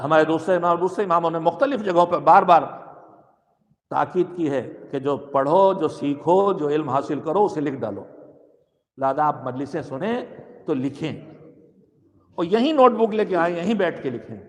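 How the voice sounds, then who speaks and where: A man preaching to a gathering with a high voice and a lingering hall echo. He exhorts his listeners and poses rhetorical questions, pressing his points with shifting emphasis. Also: animated. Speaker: cleric giving a majlis address. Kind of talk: sermon. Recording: long hall reverb.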